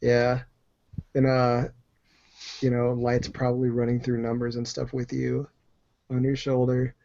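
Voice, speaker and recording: A man's voice: mid-range voice, monotone, measured pace, vocal fry, warm tone, no echo. A man narrating a tabletop game as game master, rambling loosely with plenty of fillers and asides. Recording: dull lo-fi recording.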